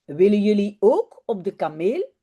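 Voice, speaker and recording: A woman's voice: medium pitch, big pitch swings, normal speed, warm tone, breathy edge, pitched below the performer's own voice. A woman voicing a friendly, reassuring aunt in a read-aloud storybook. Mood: cheerful. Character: kind cheerful aunt.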